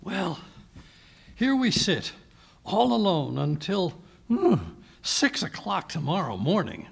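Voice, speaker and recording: A man's voice: high-pitched, big pitch swings, slow, gravelly, husky, exaggerated voice. A man acting a flustered, anxious English doctor sidekick in a 1940s-style radio drama, blustering and stammering. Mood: grumbling.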